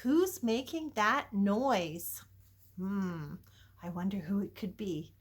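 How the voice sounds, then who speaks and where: With a medium-pitched, slightly rough voice, this older children's story reader takes her time over a picture book. She reads playfully and dramatically, posing questions to the kids and moving from soft whispers to loud exclamations.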